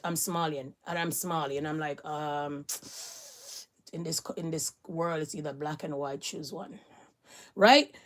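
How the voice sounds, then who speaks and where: A woman hosting a live stream, rambling through news stories in a chatty, repetitive way. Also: medium pitch. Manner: chatty, rambling, repeats allegedly. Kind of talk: casual news commentary.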